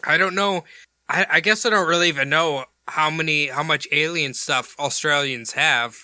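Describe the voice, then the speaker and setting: A man hosting a podcast who retells a case in a loose, rambling, jokey way. His voice is a little higher than average and piercingly bright. The sound is crisp and bone-dry. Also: normal speed, no echo. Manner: rambling and jokey, with crude asides. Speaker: podcast host.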